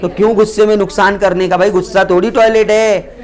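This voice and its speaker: High-voiced joking male teacher. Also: fairly quick. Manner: animated, joking, preachy. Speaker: tuition teacher. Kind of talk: classroom lecture. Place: classroom with students.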